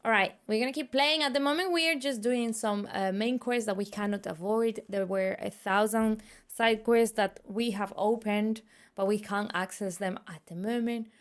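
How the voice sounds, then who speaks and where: With a Spanish accent and a mid-range voice at a moderate pace, a woman from Spain chats playfully with viewers, laughing often. It's a casual gaming stream she's running from her room.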